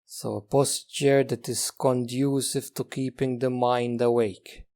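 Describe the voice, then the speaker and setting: In a level, mid-range tone, a man teaches a guided meditation, unhurried and gentle, with long gaps between his phrases.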